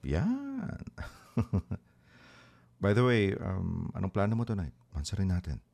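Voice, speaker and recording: An actor playing an affectionate, teasing boyfriend in a radio drama, playful and quick to laugh. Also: male voice, low voice, huge pitch swings, gravelly, a little mellow, heavily acted. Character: affectionate teasing boyfriend, a few years older.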